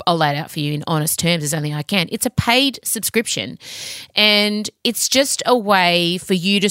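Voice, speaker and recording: A middle-aged woman with a slightly low voice hosts a podcast, recorded close and dry. She chats in a confessional, theatrical way, candid, sweary and happy to mock herself. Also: a bit bright, no room sound. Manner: sweary, theatrical, self-mocking candour. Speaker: podcast host. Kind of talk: chatty, confessional solo podcast monologue.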